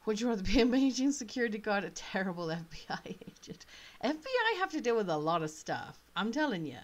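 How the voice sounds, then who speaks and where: Speaking fast with lively intonation in a mid-range voice, a thirtysomething woman with a light British accent thinks out loud while playing an online choice game. She's an author giving casual commentary from a small room indoors.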